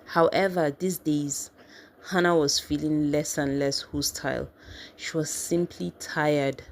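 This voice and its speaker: Low-voiced woman narrating a story. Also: steady tone, a little slow, a little hiss or hum.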